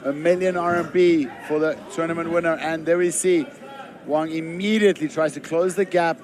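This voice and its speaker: A man giving conversational colour commentary on a live fight, informal and analytical, with halting phrasing. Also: on the high side, steady tone, darkish tone. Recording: crowd noise behind. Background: arena crowd.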